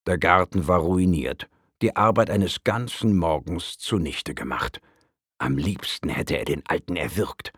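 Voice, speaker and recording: Slow, husky male storyteller. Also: low-pitched, no echo, studio quality. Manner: calm, measured storytelling. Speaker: narrator. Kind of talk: storybook reading.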